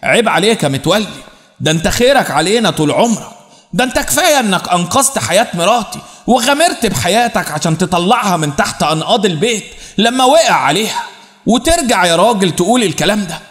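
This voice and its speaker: A man voicing a warm, hearty middle-aged Egyptian friend who pleads, in an Egyptian accent. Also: high-pitched, lively intonation, fast, long reverb tail. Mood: hearty pleading. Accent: Egyptian Arabic.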